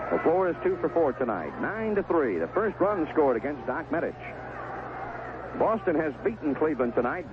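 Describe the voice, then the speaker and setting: A high-pitched radio play-by-play announcer calls a baseball game live from an outdoor ballpark broadcast booth in the 1970s, describing each pitch in clipped phrases. The vintage broadcast is noisy, tinny, and narrowband.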